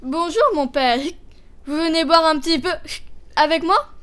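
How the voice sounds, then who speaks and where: A woman's voice: very high voice, moderate pace, a bit bright, pitched above the performer's own voice. A woman voicing a drunk, scatterbrained peasant wife in a storybook reading, with rambling, muddled speech. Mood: tipsy. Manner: slurred, rambling, muddled words.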